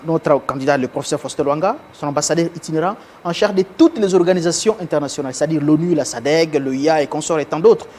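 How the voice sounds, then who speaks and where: A man from Congo, a guest in a televised interview, speaking in formal, measured phrases and often repeating himself. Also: a little high, a little mellow. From Congo (DRC).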